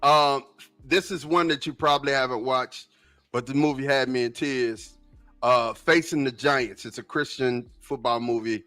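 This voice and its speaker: A man co-hosting a sports podcast in casual chat, enthusiastic and quick to laugh. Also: mid-range voice, fairly even intonation, bright, forceful tone, faint music behind. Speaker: podcast co-host.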